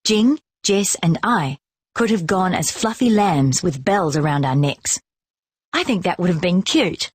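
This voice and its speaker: Slow, husky woman reading a storybook. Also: lowish voice, dry recording, clean studio sound. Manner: slow, expressive, clearly paced delivery. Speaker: storybook reader.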